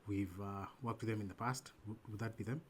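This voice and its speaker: A man's voice: on the low side, steady tone, brisk, husky. A man hosting a webinar Q&A over a video call, friendly and grateful, stumbling over restarts as he reads out questions. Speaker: host and moderator. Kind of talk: moderating a webinar Q&A.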